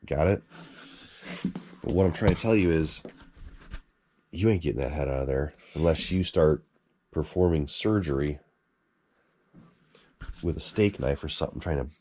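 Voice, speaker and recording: A man's voice: a bass voice, normal speed, pauses often, mellow, a little hiss or hum. A man collector talking casually in a blunt, exasperated way and swearing freely. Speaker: mask collector. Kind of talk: casual vlog ranting.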